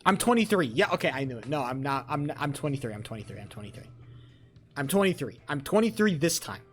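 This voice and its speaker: Guy in his 20s streaming, kinda high voice, cussing and rambling at chat, some quiet music underneath. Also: big pitch swings, fast. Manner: profane, rambling, talks back to chat. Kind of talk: casual live-stream chat.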